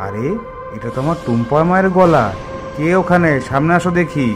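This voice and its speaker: A man voicing a soft-spoken village father in a cartoon story, gentle and placating. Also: on the high side, brisk, voice pushed up, lightly acted. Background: music.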